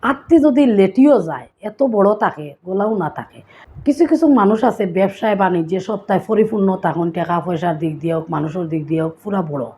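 A woman vlogger with a Sylheti accent, casually explaining local sayings and acting them out with lively bits of storytelling. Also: mid-range voice, a little fast.

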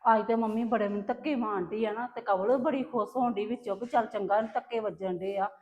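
A woman's voice: medium pitch, fairly even intonation, brisk, darkish tone, highs cut off. A woman playing an elder daughter-in-law in a family drama, lecturing and self-righteous. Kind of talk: scripted family drama acting.

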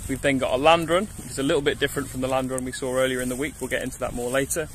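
A man's voice: medium pitch, little pitch movement, very fast, a little hiss or hum. Upbeat young man presenting outdoors. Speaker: event presenter. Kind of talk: on-location presenting. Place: outdoors on a grass field.

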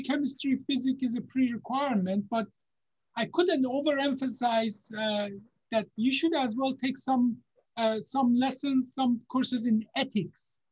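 A man, a neurosurgeon giving unhurried, halting career advice over a video call from a home office. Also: very high voice, slightly rough. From Iran. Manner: unhurried, halting, with many fillers and restarts. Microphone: video call webcam. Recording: dull, lo-fi video call audio.

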